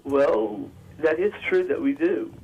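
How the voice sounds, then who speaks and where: Husky, emotional man on a dull line. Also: fairly high pitch, lively intonation, slow pace, a little mellow. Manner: earnest, hesitant. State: emotional, close to tears. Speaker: caller. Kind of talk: halting call-in argument. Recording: dull radio-like phone line.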